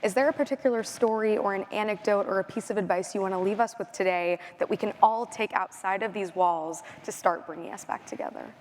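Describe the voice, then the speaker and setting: A woman's voice: medium pitch, fairly quick, few pauses, a little mellow, slight background noise. A woman moderating an onstage interview, effusive and encouraging as she poses her questions. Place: conference stage.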